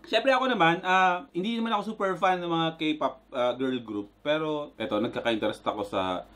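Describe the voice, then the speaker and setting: Excitable Filipino man reacting casually. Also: fairly high pitch, moderate pace. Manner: excitable, bursts into loud exclamations, mixes Tagalog and English. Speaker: reaction video host.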